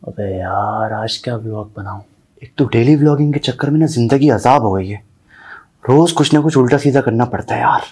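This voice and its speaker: A young man in a comedy sketch, pleading and excitable as a daily vlogger. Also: mid-range voice, moderate pace. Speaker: comic vlogger character.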